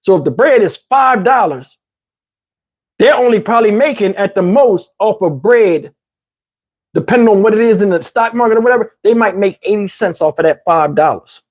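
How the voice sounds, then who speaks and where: Talking to his livestream viewers, a Southern-accented YouTube commentary host rambles in a high, expressive voice of darkish tone at a moderate pace. He keeps asking "you know what I'm saying," and his throat is parched, his voice wearing down.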